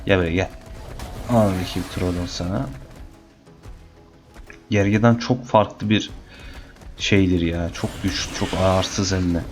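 A young man casually narrating his own gameplay, chatty and teasing the creatures on screen, getting excited during fights. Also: deep voice, unhurried, pauses often, faint music behind. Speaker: gaming channel host. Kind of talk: casual let's-play commentary.

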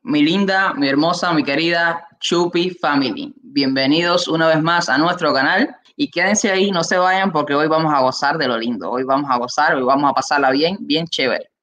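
A young man with a Cuban accent hosting a live online interview, announcing with enthusiastic, drawn-out emphasis from a room on his webcam. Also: on the high side, bright, forceful tone, lo-fi sound. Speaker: host. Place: indoor room. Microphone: webcam, video call.

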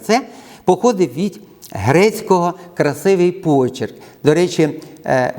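Lively lecturing man in a reverberant hall. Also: on the high side. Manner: unscripted, many hesitations. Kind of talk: educational lecture.

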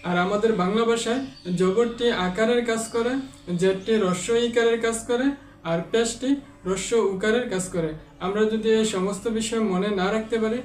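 A man's voice: high-pitched, darkish tone, recorded from a distance. A man teaching Quran reading in a step-by-step lesson, patiently repeating each rule and drilling letter sounds one by one. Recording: echoey room, off-mic.

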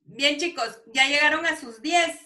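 Bright-voiced woman teacher, slow and high. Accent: Guatemalan Spanish. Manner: affectionate, calls pupils "mi amor"; spells out words slowly. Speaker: primary school teacher. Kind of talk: online class.

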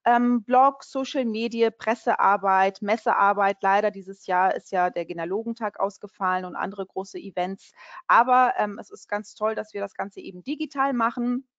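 A woman's voice: mid-range voice, steady tone, normal speed, no room sound, dull audio. A woman from Portugal hosting an online webinar in a friendly, chatty way, with many fillers and restarts. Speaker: webinar host. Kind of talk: casual webinar presentation.

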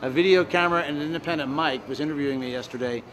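American guy in his 60s, ventriloquist giving a chatty upbeat interview, slightly high voice. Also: very fast, a bit bright, slight background noise, poor audio. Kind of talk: casual on-camera interview. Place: large open-sided fairground shed.

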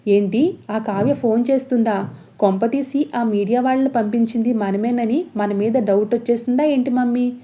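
Sarcastic young son, taunting, mellow soft voice, a woman reading his lines. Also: fairly high pitch, moderate pace, close to an everyday voice. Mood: mocking. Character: mocking young adult son.

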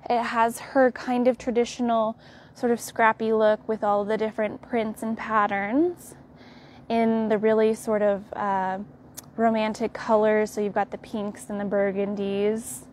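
A young woman with an American accent hosting a live tour of a quilt fabric shop, walking the aisles and showing products in a friendly, unhurried way. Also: a little high, little pitch movement, darkish tone, a little hiss or hum. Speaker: quilt shop staff host.

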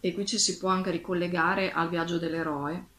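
A woman's voice: on the low side, steady tone, moderate pace, a bit bright, a little hiss or hum. A woman casually reading a storybook aloud and reflecting on it, in a thoughtful, slightly hesitant way.

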